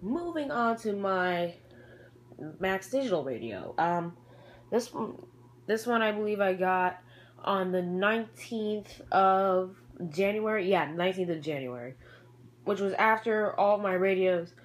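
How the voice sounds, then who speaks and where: An expressive, unhurried mid-range voice belongs to a YouTube hobbyist presenting a collection. The casual, rambling show-and-tell is full of hesitation, trailing off and self-correction, captured on homemade camcorder audio with noticeable background noise.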